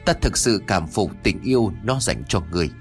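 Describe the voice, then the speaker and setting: Male narrator as a towering horned demon king, solemn decrees, expressive pitch, horror audiobook. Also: fairly quick, faint music behind.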